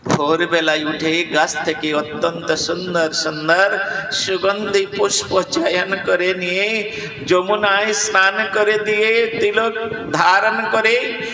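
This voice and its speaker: High, slow-speaking preacher in an echoey hall. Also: male voice, level tone, crowd noise. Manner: sings verses, addresses listeners directly. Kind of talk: devotional sermon with storytelling and chanting. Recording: echoey hall, distant mic, background noise.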